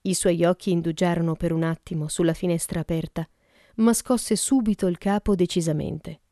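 Low-voiced woman narrating a mystery. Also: steady tone, normal speed, mellow, dry recording, studio quality. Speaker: audiobook narrator. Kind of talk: scripted narration.

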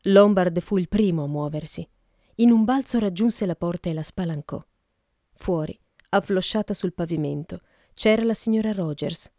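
Audiobook narrator, woman, low and mellow, dry and close. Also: normal speed, dry recording. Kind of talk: scripted narration.

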